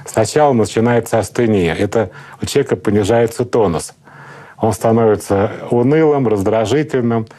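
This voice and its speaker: A middle-aged man, a psychotherapist, calmly explaining in an interview in a lecturing manner. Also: mid-range voice. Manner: calm, lecturing, acts out example speakers. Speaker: psychotherapist guest.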